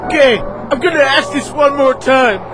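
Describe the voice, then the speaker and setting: A young man voicing a proud, easily offended male chicken in an amateur game-engine comedy, whiny and quick to shriek in panic. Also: very high voice, over a noisy crowd, very noisy. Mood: panicked. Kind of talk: amateur machinima voice acting.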